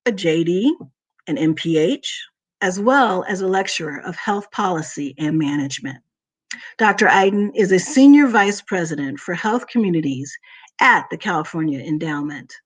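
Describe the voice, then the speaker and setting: A woman moderator reading a formal, measured introduction of a guest. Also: on the low side, lively intonation. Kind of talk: scripted introduction.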